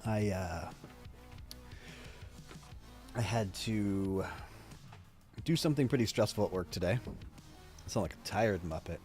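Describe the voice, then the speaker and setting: A man's voice: on the low side, slow, long pauses, darkish tone. A man hosting a casual reaction vlog, tired and drowsy, rambling and swearing casually. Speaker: reaction video host. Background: faint music.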